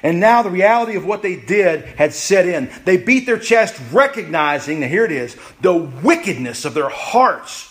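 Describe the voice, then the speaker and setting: A man preaching a sermon, emphatic and repeating phrases, at times rushing and at times slowing right down. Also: sits high, expressive, fairly bright tone. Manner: emphatic, repeats phrases, pace swings from rushed to slow. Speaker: pastor.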